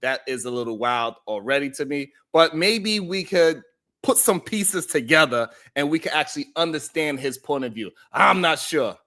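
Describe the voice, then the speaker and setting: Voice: mid-range voice, animated, normal speed, pushed and bright. A host giving casual live commentary, thinking aloud in a hesitant way.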